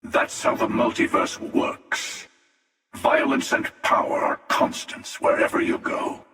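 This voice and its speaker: A man voicing a smug, menacing, world-weary hunter from a video game, with a breathy rasp and sardonic, deliberate delivery. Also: bright, forceful tone, faint music behind. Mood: cool, matter-of-fact. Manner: sardonic, deliberate, drawling taunts. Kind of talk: video game character voice acting. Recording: echoing, long reverb, distant.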